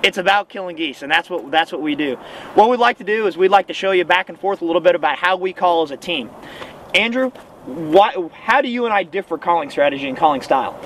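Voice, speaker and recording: A man with a notably high voice talks casually, like an instructor in the field. He stresses his points by repeating them. There is faint outdoor and vehicle noise behind him. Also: expressive, quick pace, fairly bright tone. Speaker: goose-calling instructor and hunter. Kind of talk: casual instructional talk to camera.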